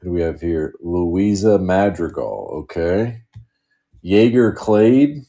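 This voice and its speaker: A man's voice: low voice, lively intonation, slow, dark tone. A man hosting a live card break stream, chatting casually, rambling and joking as he reads off cards. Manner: rambling, joking, laughs often.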